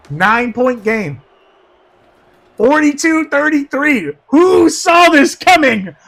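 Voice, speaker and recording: A man with a high voice calls a football match play-by-play, his voice going hoarse as he swings between quiet asides and shouted excitement.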